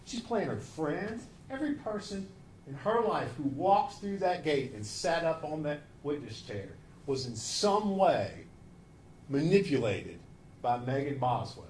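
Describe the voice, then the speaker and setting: A man's voice: on the high side, big pitch swings, measured pace, a little mellow. Male prosecutor, passionate closing argument, emphatic and widely inflected, in a roomy space with faint noise. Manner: passionate, emphatic, repeating phrases for effect. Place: large indoor courtroom. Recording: roomy courtroom echo, faint background noise.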